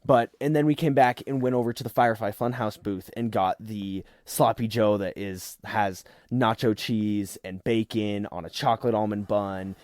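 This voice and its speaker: A man co-hosting a podcast, chatting casually and in a relaxed way about a theme park trip. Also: lowish voice, moderate pace, hardly any pauses, dry recording, studio quality. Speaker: podcast co-host. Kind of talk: casual trip recap chat.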